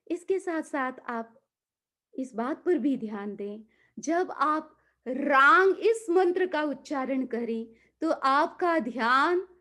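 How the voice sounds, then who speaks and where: Woman, high voice, very slow, calm teacher, long drawn-out chanting. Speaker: mantra chanting trainer. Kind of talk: guided mantra pronunciation lesson.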